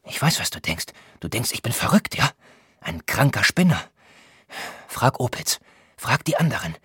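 A man's voice: mid-range voice, very animated, normal speed, a bit bright, breathy edge, no echo, studio quality, pitched above the performer's own voice, heavily acted. A man voicing a sickly, feverish young male art student who speaks weakly and half in a whisper. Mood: uneasy. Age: young adult. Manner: weak, half-whispered, uneasy. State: breathy and weak.

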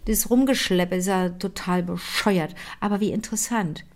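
A woman, a comedian, bantering casually and quick-wittedly with her friend on a phone call. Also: on the low side. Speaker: comedian, regular caller. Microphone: phone line.

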